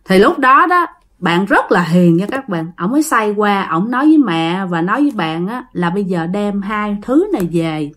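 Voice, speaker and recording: A woman's voice: mid-range voice, moderate pace. Southern Vietnamese woman telling a ghost story. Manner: animated, repeats words for suspense, addresses listeners directly. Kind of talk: retelling a ghost story to listeners.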